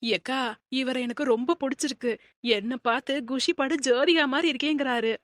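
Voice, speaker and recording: Woman as a touchy cartoon young woman, high-voiced and sulky, dry recording. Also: fairly quick, fairly bright tone, no room sound. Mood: pleased. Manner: sulky and easily offended. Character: vain young woman, touchy about her looks. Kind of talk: cartoon voice acting.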